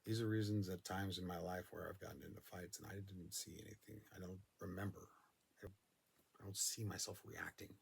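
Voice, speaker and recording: A man's voice: low-pitched, fairly even intonation, moderate pace, creaky, a little hiss or hum. A man from Northern California telling intense personal stories in an earnest way, swearing freely. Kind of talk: personal storytelling.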